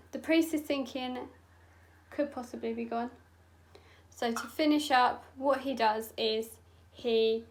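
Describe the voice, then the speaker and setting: A woman's voice: on the high side, poor audio. A young woman, a makeup artist, telling a story in a chatty, sweary, dramatic way while doing her makeup.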